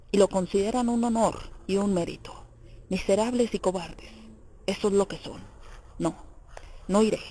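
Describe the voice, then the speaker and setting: A woman's voice: mid-range voice, mellow, a little hiss or hum, natural voice. A woman reading the part of a tormented young male murderer in an audiobook, in a brooding, intense, questioning manner. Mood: sombre.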